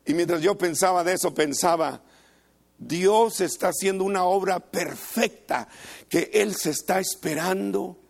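An older male pastor preaching a fervent sermon, swinging from soft musing to loud declarations. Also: high voice, measured pace, creaky.

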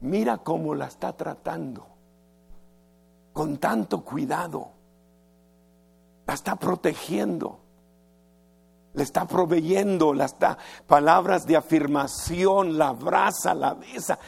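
Pastor de voz rasposa y pausada. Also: male voice, fairly high pitch. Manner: earnest, stretches words for emphasis. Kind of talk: sermon.

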